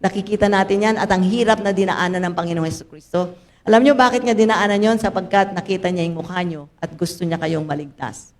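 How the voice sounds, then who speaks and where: An older woman pastor with a Filipino accent, preaching a sermon in a church, mixing Tagalog and English, speaking straight to her congregation and rising suddenly into loud, dramatic lines. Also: mid-range voice, fairly even intonation, fast. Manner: addresses the congregation directly, asking them to raise hands.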